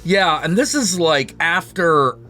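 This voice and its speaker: A man's voice: fairly high pitch, lively intonation, slow pace, bright, forceful tone. A man co-hosting a casual horror movie review, mostly agreeing and adding his own remarks. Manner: agreeable, backs up the host, swears casually. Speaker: co-host.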